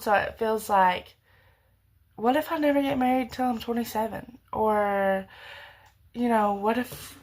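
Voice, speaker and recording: A young adult woman, about twenty, with a slightly high and somewhat bright voice, gives heartfelt, wandering faith advice straight to the audience. She keeps restarting and fixing her own words during this casual to-camera chat.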